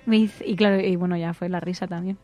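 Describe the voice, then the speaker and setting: A woman, co-hosting a radio chat, telling a lively anecdote and reading listener messages. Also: on the low side, quick pace, muffled recording. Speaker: radio co-host.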